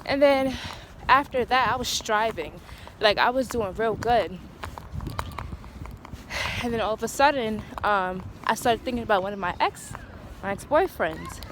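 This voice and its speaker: A woman's voice: a little high, lively intonation, measured pace, pauses often, fairly bright tone. A young woman talking candidly to her phone while walking outdoors, a little out of breath, chatty and laughing now and then. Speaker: vlogger. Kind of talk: casual walking vlog. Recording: faint street noise.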